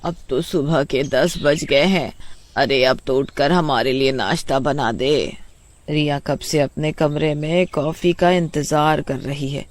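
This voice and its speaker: A man's voice: on the high side, steady tone, takes it slowly. A man voicing a fussy, nagging old mother-in-law in a cartoon story, whiny and easily frightened.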